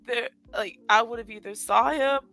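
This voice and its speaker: Bright, gravelly-voiced woman podcasting. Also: fairly high pitch, faint music behind, poor audio. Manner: candid, halting, swears, many fillers like "like". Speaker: podcast co-host. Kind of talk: casual personal podcast talk. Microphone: podcast microphone.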